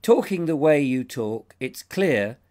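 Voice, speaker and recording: A middle-aged Englishman hosting a live stream reads viewer comments aloud, rambling and chatty. His medium-pitched voice is sing-song, slow and warm, but strained and fading from a cold as he loses it. Audio comes from a lapel mic.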